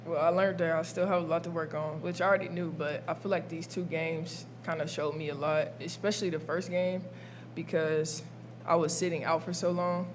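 A young woman college freshman player answering at a post-game press conference, soft-spoken and earnest, into a table mic. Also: low-pitched, little pitch movement, fairly quick, noisy background. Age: young adult.

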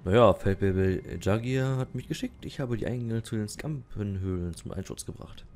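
Low-voiced man, flippant game commentary. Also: moderate pace, darkish tone. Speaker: let's player. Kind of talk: casual gameplay commentary.

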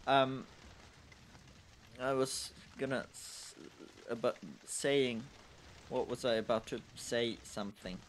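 A man's voice: medium pitch, fairly even intonation, slow, pauses often, a little hiss or hum. A man giving casual let's-play commentary, rambling and hesitant, often apologizing and losing his thread. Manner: rambling, hesitant, self-deprecating. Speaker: gaming video host.

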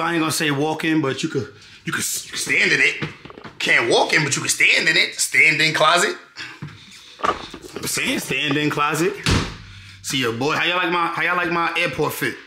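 A young man with a slightly high, sharp-toned voice and normal speed walks viewers through a rental apartment, first inside and then on the rooftop. His talk is casual and full of slang, with repeated phrases and frequent checks of "you know what I'm saying." Captured on a close-held handheld camera, the audio is echoey with obvious background noise.

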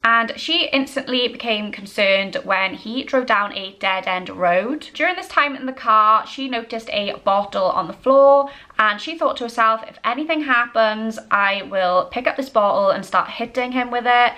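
This true-crime vlogger, a woman in her twenties, tells her story to camera in a small indoor room at home. She has a fairly high, sharp voice and a moderate pace. Her manner is matter-of-fact and conversational.

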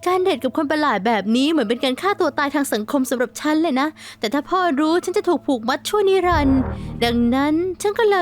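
A woman narrating an animated story in first person, sarcastic and exasperated. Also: sits high. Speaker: narrator and heroine voice.

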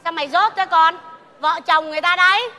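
A woman's voice: very high-pitched, a little fast, pushed and bright, some chatter behind. A woman playing a bossy, mocking mother in a stage comedy sketch, scolding and teasing. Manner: scolding and teasing, laughing at her own jabs. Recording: reverberant theater hall, faint noise.

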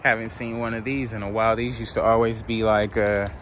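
A man's voice: on the low side, flat delivery, brisk. A man vlogging a casual walkaround of cars at an outdoor auction lot, filmed on a handheld phone while he walks, chatting in slang and asking viewers to comment. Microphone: handheld phone camera, filming while walking. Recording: outdoor lot with clear background noise.

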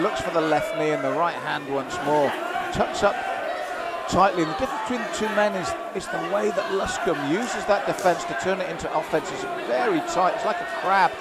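A male fight commentator calls live kickboxing play-by-play at normal speed, with excited emphasis and open admiration. His voice is slightly higher than average. The very noisy venue is filled with a loud crowd and arena noise.

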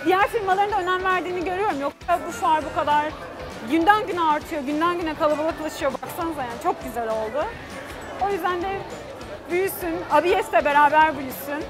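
A woman's voice: extremely high pitch, fairly quick, over music, a crowd in the background. A woman company representative speaking enthusiastically at a trade fair.

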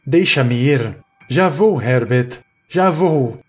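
A man voicing a frantic, desperate old woman who cries out and pleads in a story reading, with soft music behind. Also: mid-range voice, expressive, drawn-out words.

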